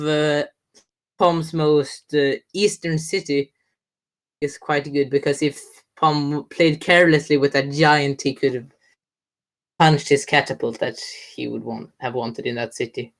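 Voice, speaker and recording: A woman's voice: deep voice, measured pace. A woman giving live commentary on a strategy game match, explaining the moves step by step and agreeing with her co-casters. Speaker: esports commentator.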